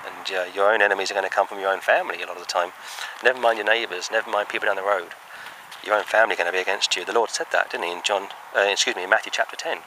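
Earnest low-voiced man preaching outdoors. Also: steady tone, rapid-fire, background noise. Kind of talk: sermon with Bible reading.

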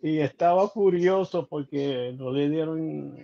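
A man talks slowly as an interview guest, his voice a bit high for a man. The sound is dull and lo-fi, as if from a weaker connection. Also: vocal fry, mellow. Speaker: guest musician. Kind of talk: casual interview conversation. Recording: dull lo-fi audio.

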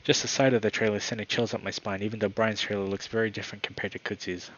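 A man's voice: lowish voice, little pitch movement, quick pace, a bit bright, lo-fi sound. A man reading a visual novel aloud for his channel, narrating dramatically with the odd casual aside. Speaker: gaming YouTuber.

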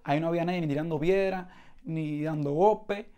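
A man with a Cuban accent tells his account in animated testimony, restarting phrases and imitating sounds as he goes. His voice sits a little above the usual male pitch. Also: brisk, clean tone. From Cuba. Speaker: protest participant giving testimony. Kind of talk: spoken testimony.

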